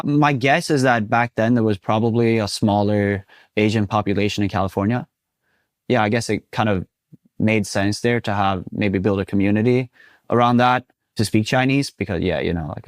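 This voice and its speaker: A young Swedish man in his 20s, whose first language is Swedish, chats as a guest in an interview, relaxed and talkative with many fillers like "you know." His voice is fairly low, and the studio-quality recording has no echo.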